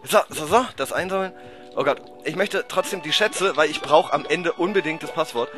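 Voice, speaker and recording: A man doing casual let's-play commentary, excitable and loud, shouting and groaning at the game, his voice cracking. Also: a little high, normal speed, soft background music.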